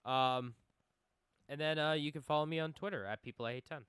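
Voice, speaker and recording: A man's voice: a little high, fairly quick, fairly bright tone, clean tone, dry recording. A man co-hosting a casual gaming podcast, joking around and plugging his channels. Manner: joking, reads game blurbs aloud. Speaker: podcast co-host.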